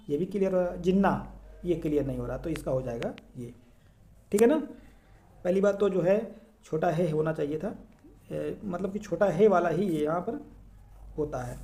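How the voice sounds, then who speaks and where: High-voiced man teaching grammar. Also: a little mellow. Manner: explains step by step, asking and answering his own questions; repeats key terms and checks understanding. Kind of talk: exam-prep grammar lesson.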